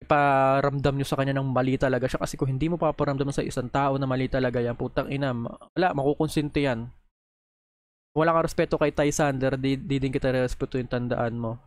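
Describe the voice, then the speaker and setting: Here a content creator fires off a fast, expletive-laden scolding in response to posts, mouth close to the mic. The voice is medium in pitch and steady, with no room sound at all.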